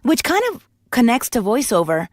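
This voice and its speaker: A woman in her forties from Puerto Rico, a guest voice actor and singer, candidly tells her life story in a casual interview, restarting often. Her voice sits on the high side with a sing-song lilt at a moderate pace. The recording is studio quality with no room sound.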